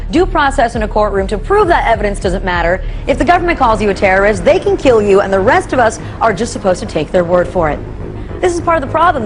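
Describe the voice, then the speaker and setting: A woman presents scripted news commentary at an ordinary pitch. Her delivery is pointed and emphatic, full of rhetorical push. Music plays clearly behind her. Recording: music bed under the voice.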